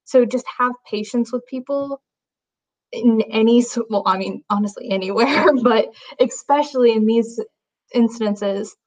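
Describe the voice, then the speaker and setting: A young adult woman who teaches sign language chats as a guest in casual conversation, rambling with plenty of "like" and restarts. Her voice is a little high, unhurried, and darkish in tone, on dull lo-fi audio.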